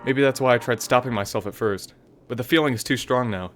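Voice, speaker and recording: Brief: man playing an obsessive bookish girl, quiet and intense, mid pitch, faint music under. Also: fairly quick, close to an everyday voice. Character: shy bookish teen girl turning obsessive. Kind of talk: reading game dialogue aloud.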